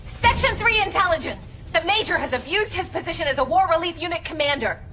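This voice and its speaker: An actress playing a young, righteous army lieutenant of noble birth who gives firm commands. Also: female voice, very high voice, expressive, brisk, background noise. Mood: commanding. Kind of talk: anime dub acting.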